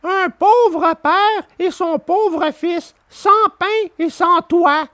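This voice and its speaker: A woman doing Pinocchio, a high-voiced puppet boy. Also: extremely slow, a bit bright, no room sound, clean studio sound, heavily acted. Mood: earnest. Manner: high, earnest and tender. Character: young wooden puppet boy, earnest and polite. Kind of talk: storybook reading.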